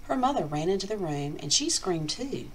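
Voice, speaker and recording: A woman reading a children's picture book aloud like a teacher, with deliberate, expressive storytelling and dramatic emphasis. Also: fairly low pitch, slight background noise, poor audio.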